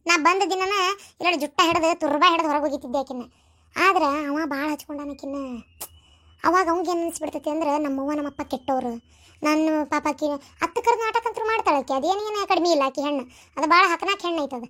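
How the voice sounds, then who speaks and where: A woman's voice: sits high, quick pace, a bit bright. A woman doing a blunt, gossipy village mother-in-law. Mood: scheming. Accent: North Karnataka Kannada. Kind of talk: cartoon family comedy voice acting.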